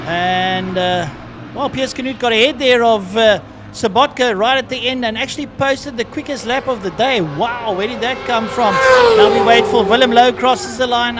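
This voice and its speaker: A man giving live motorsport race commentary in a halting way, following the action as it unfolds. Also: sits high. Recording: loud engine and outdoor track noise. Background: motorcycles and vehicle noise.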